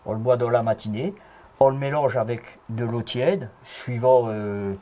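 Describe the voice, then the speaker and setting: A man's voice: mid-range voice, normal speed, dark tone. A man with a Lorraine accent, explaining home health remedies in a folksy, chuckling way during a casual chat. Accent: Lorraine French. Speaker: guest herbal health advisor.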